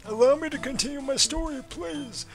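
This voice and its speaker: A doddering old professor with loose dentures, his voice pushed up very high and thin. He rambles on in a quavering, long-winded way, with faint game music underneath. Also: moderate pace. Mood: storytelling. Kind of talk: game character voicing.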